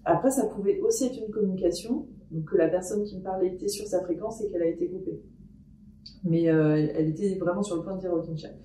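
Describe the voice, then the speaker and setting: Woman doing a paranormal vlog at home, lots of pauses and restarts, sounds far off in an echoey room. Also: fairly low pitch, dark tone, slight background noise. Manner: hesitant, full of pauses and restarts. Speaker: paranormal investigator. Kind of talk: paranormal experiment vlog, thinking aloud. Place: room in her house.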